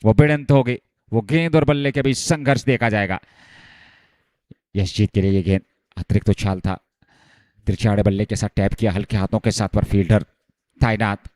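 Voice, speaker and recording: A man commentating live on a cricket match, getting excited as the play heats up. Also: fairly low pitch, moderate pace, pauses often, dry recording, clean studio sound.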